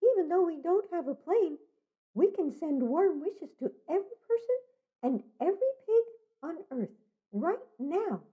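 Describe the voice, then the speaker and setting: A woman voicing a gentle, kind stuffed toy pig in a storybook, speaking softly and reassuringly. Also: very high voice, very animated, unhurried, narrow, tinny audio, voice pushed up, exaggerated voice. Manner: soft, reassuring.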